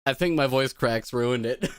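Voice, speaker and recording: A man's voice: mid-range voice, fairly bright tone, dry recording, clean studio sound. A tipsy man, a gaming streamer, chatting casually on a live stream into a desk microphone, rambling, swearing casually and laughing at himself.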